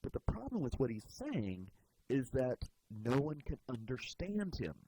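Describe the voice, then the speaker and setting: A man's voice: medium pitch, wildly swooping pitch, unhurried, dark tone, slight background noise, rough recording. A man teaching presentation skills in a video lecture, explaining expressively with demonstrations. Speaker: presentation instructor.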